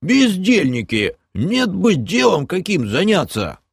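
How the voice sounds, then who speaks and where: A man voicing a loud, boisterous male half-orc adventurer who hoards loot, with gruff, blunt exclamations. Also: high voice, huge pitch swings, slow, no echo, studio quality, voice pushed up, full character voice.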